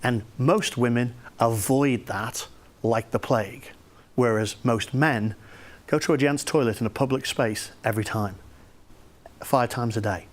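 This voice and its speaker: A man's voice: medium pitch, unhurried. A man talks straight to his viewers in emphatic commentary, building his point through worked examples and acted quotes. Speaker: vlogger. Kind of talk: direct-to-camera commentary.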